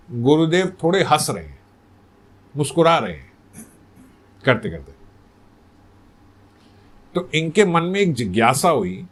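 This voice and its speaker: A man telling a religious story in a sermon, conversational and full of rhetorical questions. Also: fairly high pitch. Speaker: spiritual storyteller.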